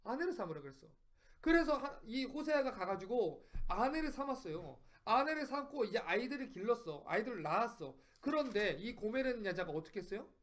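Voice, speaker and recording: Bible study teacher, male, very high voice, emphatic and repetitive, keeps asking the room questions. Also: lively intonation, brisk, hardly any pauses, fairly bright tone. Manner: emphatic, fires rhetorical questions at listeners; repeats phrases for emphasis. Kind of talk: preaching Bible study lesson.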